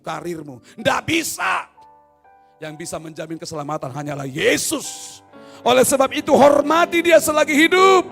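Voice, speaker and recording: A man with a fairly high voice preaching a sermon in a church hall. He swings from hushed asides to shouted appeals and slips teasing jokes in between. Faint music plays softly behind him. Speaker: pastor. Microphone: no mic at times.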